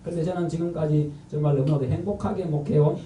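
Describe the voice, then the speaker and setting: Gyeongsang pastor guy, high-pitched, quizzes the crowd, far off in an echoey big church. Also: steady tone, fast, warm tone, a little hiss or hum. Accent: Gyeongsang Korean. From North Gyeongsang, Korea. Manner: quizzes the congregation and repeats their answers. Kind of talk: evangelistic sermon with call-and-response. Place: large church sanctuary. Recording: echoey and distant from the mic.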